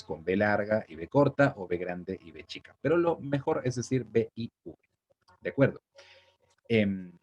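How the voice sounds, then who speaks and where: A man's voice: mid-range voice, a little mellow. A young man, explaining spelling in a patient, conversational way and checking that the listener follows. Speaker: teacher. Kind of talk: spelling lesson.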